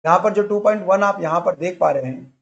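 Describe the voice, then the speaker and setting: Guy teaching exam prep, fairly high voice, repeats stuff a lot, kinda muffled lo-fi audio. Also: fairly quick, creaky, a bit bright. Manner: repetitive, explanatory, enumerating topics. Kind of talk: online exam-prep lecture.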